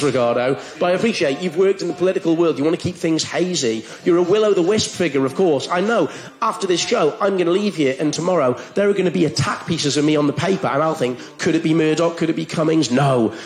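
Sarcastic male comedy host, slightly high voice, echoey room. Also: animated, fast talker, few pauses. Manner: teasing, sarcastic, escalating mock outrage. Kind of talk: comedic interview, mock-accusatory banter. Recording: roomy echoey venue.

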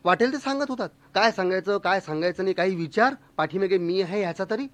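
A man voicing a cross wife who scolds her husband in a sharp, reproachful tone during humorous storytelling. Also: sits high, fast talker. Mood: scolding.

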